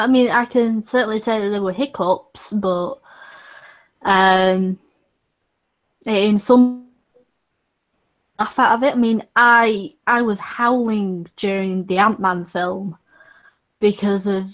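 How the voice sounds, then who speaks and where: A woman's voice: mid-range voice, steady tone, slow, pauses often. A woman in her twenties chatting casually on a stream, rambling with frequent laughs. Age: 20s. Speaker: streamer hosting a chat.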